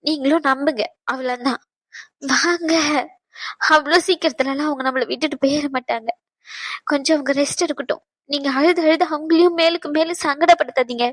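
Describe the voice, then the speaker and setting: A woman voicing a calm, firm young fiancée. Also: high-pitched, a little fast, no echo. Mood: gently firm. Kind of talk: animated drama dub.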